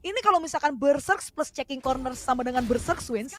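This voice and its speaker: High-pitched Indonesian woman calling play-by-play. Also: lively intonation, fairly quick. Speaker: esports commentator. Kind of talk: live play-by-play match commentary.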